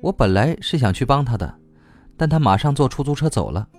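A man voicing a sly young woman in an audiobook, teasing and needling in a soft voice. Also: mid-range voice, animated, brisk, soft background music, pitched above the performer's own voice. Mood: annoyed. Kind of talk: audiobook reading.

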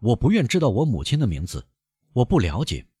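A man's voice: mid-range voice, wildly swooping pitch, brisk, mellow, husky, dry recording, clean studio sound, voice pushed up, full character voice. Man voicing a bitter, defiant young prisoner.

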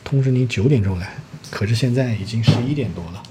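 A man's voice: mid-range voice, fast, warm tone, a little hiss or hum, close to an everyday voice. A man playing a pompous, irritable police lieutenant. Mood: irritated.

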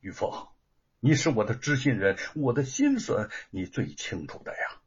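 A man's voice: medium pitch, moderate pace, slightly rough. A man voicing an earnest, defiant male scholar who speaks with passion. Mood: impassioned. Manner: impassioned, pleading. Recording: dull lo-fi recording.

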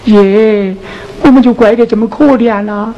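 A Sichuan opera performer playing a sharp-tongued teahouse keeper who mocks a poor scholar, scolding in a Sichuanese accent. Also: medium pitch, steady tone, dull audio, natural voice. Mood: mocking. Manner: scolding, teasing, drawn-out sing-song delivery. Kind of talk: Sichuan opera stage acting, spoken and sung. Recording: hissy old opera film soundtrack.

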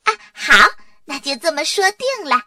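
A woman's voice: sits high, lively intonation, normal speed, sharp tone, no room sound, pitched above the performer's own voice. A woman voicing a cheeky, teasing little girl in a children's storybook reading, in a singsong, gloating manner. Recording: distant mic, dry sound.

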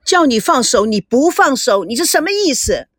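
A woman voicing a distraught young woman who pleads and shouts through tears. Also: high-pitched, animated, moderate pace, dry recording, clean studio sound. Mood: furious. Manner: urgent, pleading then shouting.

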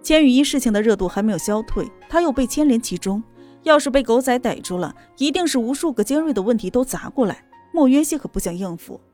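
A woman reading a romance novel aloud in a steady, even storytelling voice. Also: a little high, fast talker, faint music behind. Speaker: narrator. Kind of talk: scripted novel narration.

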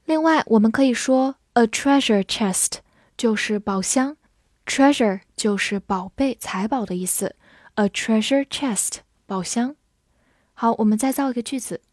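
Higher-voiced woman teaching English words. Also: a little mellow, dry recording, studio quality. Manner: spells words letter by letter and reads example sentences slowly for repeating. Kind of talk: scripted vocabulary lesson.

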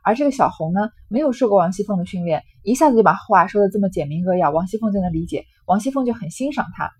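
A woman's voice: mid-range voice, lively intonation, fast talker, darkish tone, slightly rough. A woman explaining a classic novel, retelling its scenes in a conversational way with small fillers. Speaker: literature lecturer.

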